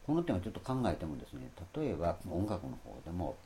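A man giving a Bible lecture in a rambling sermon style, stressing his points and loudly acting out the phrases he quotes. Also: low-pitched, huge pitch swings, quick pace, a little hiss or hum. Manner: rambling, repeats himself. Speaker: Bible teacher.

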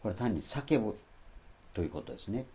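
A low-pitched man lecturing on scripture, his voice rising and falling widely as he stresses each point. He rambles and repeats himself, and he throws himself into the phrases he quotes, with a warm, mellow tone over faint background noise. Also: big pitch swings, brisk. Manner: emphatic, loudly acts out quoted phrases. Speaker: Bible teacher. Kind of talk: Bible lecture sermon.

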